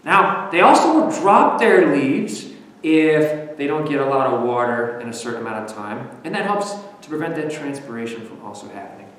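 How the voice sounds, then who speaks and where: A young man from the western United States, an educator teaching children on a virtual field trip in a lively, questioning manner. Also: medium pitch, moderate pace. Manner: animated, speaking to children with questions. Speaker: nature center educator. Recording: echoey, distant, long reverb.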